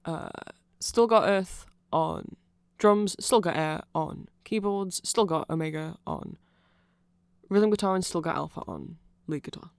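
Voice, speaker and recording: In a clean, dry studio recording, a host with a medium-pitched, gravelly voice takes an unhurried pace explaining band lore to the listener. The ASMR explainer is casual and rambling, with a nerdy, chatty, self-correcting style reminiscent of an eager fan.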